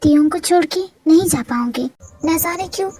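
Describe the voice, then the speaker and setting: A frightened young wife in a fan-fiction audio drama, voiced by a woman, alternating between defiant and tearful. The voice is very high and girlish. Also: brisk, warm tone. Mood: soothing. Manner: tearful and defiant, later sweet and yielding. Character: frightened young wife fleeing her husband.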